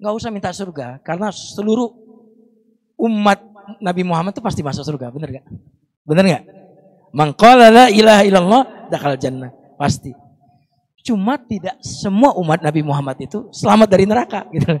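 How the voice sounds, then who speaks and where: A man's voice: high voice, animated, a little fast, pauses often, darkish tone. A young man preaching a Ramadan sermon to a congregation, chatty and teasing, breaking into recited Arabic prayers. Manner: conversational, teasing asides to the congregation. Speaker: Islamic preacher.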